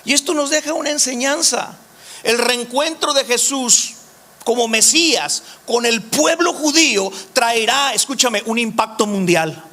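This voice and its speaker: A man's voice: very high voice, measured pace, pushed and bright. A man teaching a Bible study, speaking emphatically and turning straight to his listeners. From Mexico. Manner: emphatic, addresses listeners directly.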